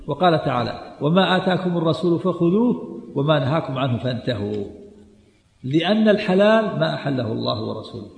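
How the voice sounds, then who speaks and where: A man's voice: on the high side, vocal fry. A man teaching a lesson on a classical religious text, reading passages aloud and explaining them emphatically, repeating each point to drive it home. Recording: echoey hall with long reverb.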